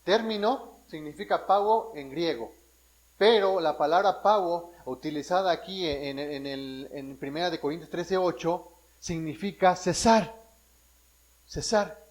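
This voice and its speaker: A fairly high-voiced man from Mexico preaches a sermon as a pastor. He works through Bible passages in a teaching way and keeps checking in with his listeners. His delivery is full of restarts and quick self-corrections. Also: poor audio.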